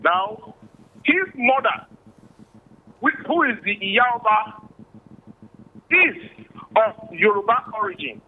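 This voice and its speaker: A man's voice: high voice, very animated, breathy edge. A man with a Nigerian accent, a traditional chief, speaking formally in a remote interview over a bad, tinny connection. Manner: formal, measured, explanatory. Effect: bad remote connection, tinny phone-like line. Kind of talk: remote interview, historical explanation. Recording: tinny phone-like call line.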